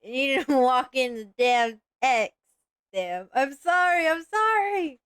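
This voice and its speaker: High voiced girl streaming, chatty and goofy, dry close sound. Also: animated, takes it slowly, a bit bright, clear, resonant tone, no echo. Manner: chatty, playful, dramatic outbursts. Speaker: VTuber streamer. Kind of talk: casual live-stream chat.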